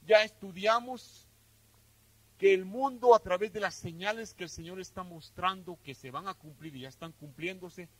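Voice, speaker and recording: Male pastor, high voice, emphatic sermon delivery with loud-soft swings. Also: normal speed, dry recording, poor audio. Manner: addresses listeners as brothers and sisters.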